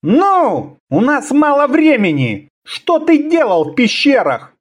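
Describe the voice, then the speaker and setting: A man voicing a cold, threatening assassin leader in an audiobook, pitched well above his narrating voice. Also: wildly swooping pitch, takes it slowly, exaggerated voice. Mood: menacing. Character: cold menacing male royal assassin leader.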